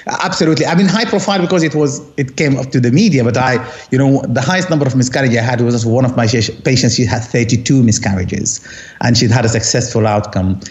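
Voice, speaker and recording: A man's voice: mid-range voice, fast talker, muffled recording. A man from Sudan, a doctor in his fifties, speaking as an interview guest in a thoughtful conversational way, with frequent restarts. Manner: thoughtful, many restarts and fillers.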